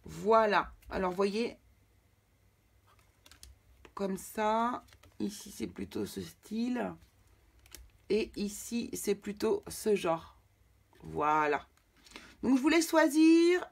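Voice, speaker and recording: A woman's voice: medium pitch, big pitch swings, drawn-out words, vocal fry, pauses often, husky. A woman giving a casual tarot reading to camera, chatting directly with her viewers. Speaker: tarot card reader.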